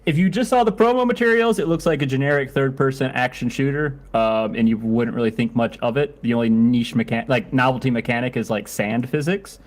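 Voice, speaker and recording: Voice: mid-range voice, brisk, hardly any pauses. A co-host playing a game on a casual livestream, chatting in a playful, joking way. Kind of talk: casual gaming livestream chat.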